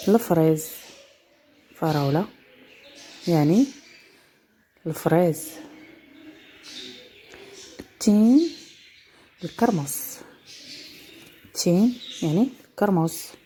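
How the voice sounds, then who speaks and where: A woman teaches vocabulary slowly, repeating each word several times. Her voice is low and mellow. A faint hiss of background noise sits under the recording. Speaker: dialect teacher. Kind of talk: slow vocabulary lesson with repetition.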